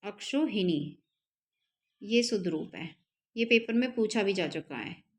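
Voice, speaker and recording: Slow, deliberate woman teaching spelling. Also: mid-range voice, animated. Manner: slow, repeats each word for students to copy. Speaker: Hindi teacher. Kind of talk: exam-prep spelling lesson.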